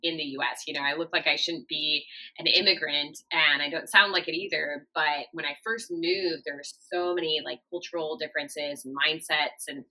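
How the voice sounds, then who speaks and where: A woman's voice: low voice, fairly even intonation, normal speed, sharp tone, low-quality recording. A woman in her thirties, raised in Japan, chatting as a podcast guest with many fillers and a storytelling flow. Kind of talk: casual interview talk.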